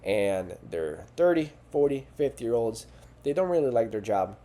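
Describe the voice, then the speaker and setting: A man with a medium-pitched, mellow voice speaks to camera as a fitness and life coach. He is very animated and keeps a moderate pace, talking in an earnest, conversational way and often asking rhetorical questions.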